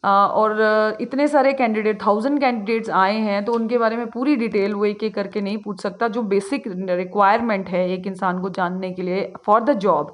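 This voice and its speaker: A woman's voice: medium pitch, fairly even intonation, moderate pace, few pauses. A woman teacher with an Indian accent giving a lecture from slides, switching between Hindi and English with frequent hesitations. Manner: mixes Hindi and English, many filler sounds. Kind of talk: classroom lecture on a slide presentation.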